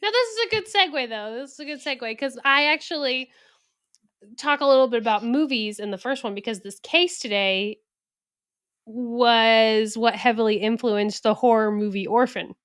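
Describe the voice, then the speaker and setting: A woman's voice: fairly high pitch, normal speed, a bit bright, clear, resonant tone. A woman co-hosting a casual true crime podcast, a little tired, chatty and laughing often. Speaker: podcast co-host.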